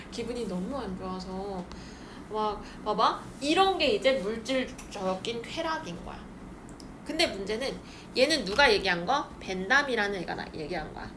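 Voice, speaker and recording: A young woman teacher giving a lively, chatty classroom lecture and acting out little scenes with students. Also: medium pitch. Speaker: Korean literature teacher. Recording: noisy room recording.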